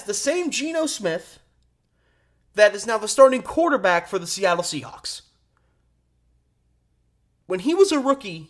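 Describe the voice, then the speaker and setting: Hosting a sports radio show on his own, a man delivers emphatic, opinionated commentary full of deliberate pauses and rhetorical questions. His voice is high-pitched and slightly bright.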